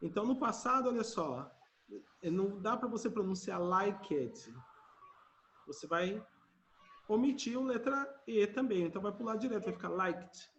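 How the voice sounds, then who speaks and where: Brazilian male teacher, high voice, patient drills over video call, light hiss. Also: expressive, brisk, muffled recording. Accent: Brazilian Portuguese. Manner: patient, repeats words for students to echo. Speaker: English teacher. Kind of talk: online class teaching.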